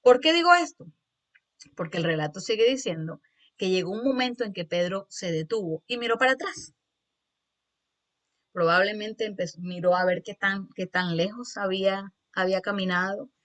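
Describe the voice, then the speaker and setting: A woman preaching a sermon, telling a scripture story with lively, acted-out emphasis and often addressing her listeners directly. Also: medium pitch, moderate pace. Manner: acts out the scene with raised voice at dramatic moments.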